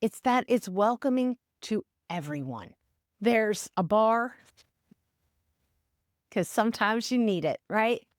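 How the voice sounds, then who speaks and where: A woman's voice: fairly high pitch, expressive, slow pace, pauses often, no echo, clean studio sound. Chatty upbeat woman vlog host. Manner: chatty, upbeat, talks straight to viewers. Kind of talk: casual travel vlog chat with scripted voice-over.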